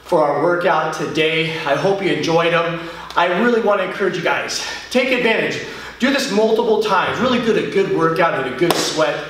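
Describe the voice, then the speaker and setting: Slow-talking man in an echoey studio. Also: high voice, fairly bright tone, recorded from a distance, a little hiss or hum. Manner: counts reps aloud while exercising. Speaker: martial arts instructor. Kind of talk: home workout class. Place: large bare studio, indoors. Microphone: far camera.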